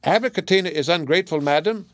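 A man's voice: fast talker, no room sound, natural voice. A man doing a chattering parrot voice. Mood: chirpy, eager. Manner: high and chirpy, eager. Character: prince mimicking a chattering parrot.

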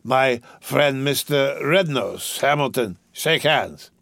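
A man's voice: lowish voice, lively intonation, takes it slowly, creaky, dry recording, pitched below the performer's own voice, heavily acted. A man voicing a drunken, boastful rich young man who slurs, rambles and keeps breaking into laughter. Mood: drunk giggly.

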